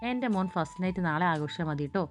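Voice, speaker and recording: A woman's voice: lowish voice, animated, very fast, soft background music, close to an everyday voice. A woman voicing a middle-aged father in a storybook reading, teasing his son in a joking way.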